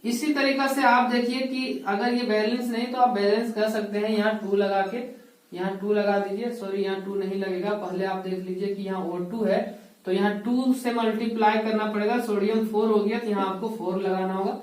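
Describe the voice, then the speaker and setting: A woman's voice: mid-range voice, little pitch movement, normal speed, a little mellow. A woman teaching a school chemistry lesson, explaining step by step and asking rhetorical questions. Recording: echoey room, voice heard from a distance.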